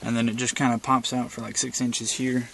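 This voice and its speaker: This man talks quickly in a flat, mid-range voice with some vocal fry as he films his car setup by hand. The walkthrough is loose and plain, packed with "uh" fillers, and heavy background noise runs underneath.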